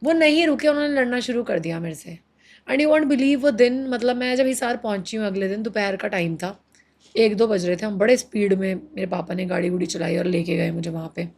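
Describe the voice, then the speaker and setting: A woman's voice: medium pitch, fairly quick. A woman in her thirties as an interview guest, recounting her marriage with emotion, mixing Hindi and English and acting out what others said. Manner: animated, mixes Hindi and English, quotes others in acted voices.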